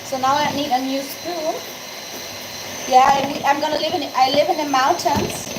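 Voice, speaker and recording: A young woman from Tyrol bakes while hosting a laid-back live stream, her high voice fairly even in intonation and moderate in pace. She has an Austrian German accent, and Tyrolean-dialect German is her first language. Chatty, she answers viewer comments and thanks them often; the room is echoey with background noise.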